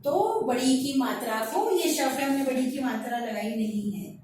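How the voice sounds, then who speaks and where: A woman teaching a kindergarten class online, drawing out each syllable slowly as she drills the letters. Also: high voice, lively intonation, a little mellow, a little hiss or hum. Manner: slow, drawn-out syllable drilling. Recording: echoey room from a distance.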